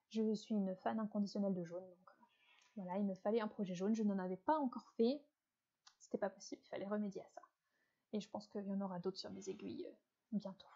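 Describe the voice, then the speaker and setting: A woman's voice: mid-range voice, dark tone, lo-fi sound. A woman hosting a knitting podcast, chatting casually about her projects with lots of hesitant fillers. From France. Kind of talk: casual show-and-tell chat.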